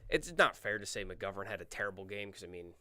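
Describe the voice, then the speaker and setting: A man's voice: deep voice, lively intonation, quick pace, bright, forceful tone, dry recording. A man on a sports podcast giving confident, stats-heavy breakdowns in a casual style.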